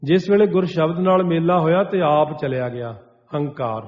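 A man preaching to a congregation, slowly chanting scripture lines and then explaining them in plain talk. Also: a little high. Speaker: Sikh preacher. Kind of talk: scripture exposition sermon. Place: large hall before a congregation. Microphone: stage microphone. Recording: dull sound with long hall reverb.

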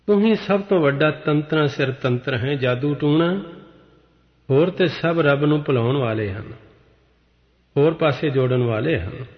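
Slow, measured male preacher in a hall. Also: mid-range voice. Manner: slow, measured scripture exposition. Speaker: Sikh preacher. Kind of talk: sermon. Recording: dull, reverberant hall sound.

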